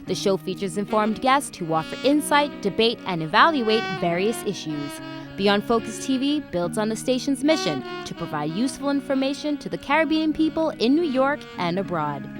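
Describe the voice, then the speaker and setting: Woman announcer over loud music. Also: a little high, big pitch swings, moderate pace. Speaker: show promo announcer. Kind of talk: scripted promo voice-over.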